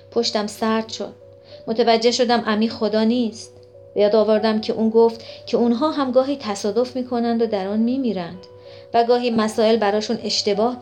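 Woman reading a story, kinda high voice, soft music under it. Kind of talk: audiobook story narration. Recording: faint music behind the voice.

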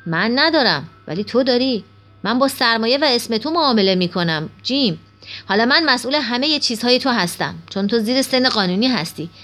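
A woman's voice: a little high, lively intonation, a bit bright, faint music behind. Smug, boastful male double, read by a woman, mocking tone, storybook character. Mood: confident.

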